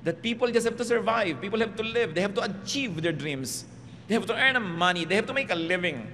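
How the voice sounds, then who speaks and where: A man with a Filipino accent preaching a sermon as a pastor, animated and humorous, often tossing rhetorical questions to the congregation. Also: sits high, brisk, slight background noise. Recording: reverberant hall, faint background ambience.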